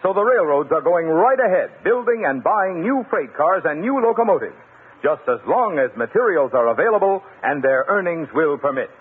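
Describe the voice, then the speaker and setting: A man's voice: on the high side, big pitch swings, breathy edge. Man announcing from an old broadcast disc. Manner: formal, measured announcer delivery. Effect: old transcribed broadcast disc sound. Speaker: radio announcer. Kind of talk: scripted radio announcement. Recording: tinny, narrow old radio broadcast.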